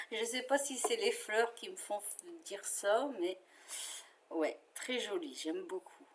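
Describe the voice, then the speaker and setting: A woman with a French accent talks through her favorite cross-stitch patterns at an unhurried, unrushed pace. She is chatty and relaxed, with fillers and small asides as she goes. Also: medium pitch. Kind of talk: casual chat showing favorite patterns.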